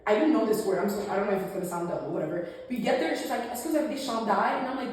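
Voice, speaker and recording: Young french-speaking woman telling stories, voice jumping all over, kinda far from the mic in a boomy room. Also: rapid-fire, very echoey, long reverb tail. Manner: animated storyteller acting out quotes. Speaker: podcast co-host. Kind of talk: casual chat.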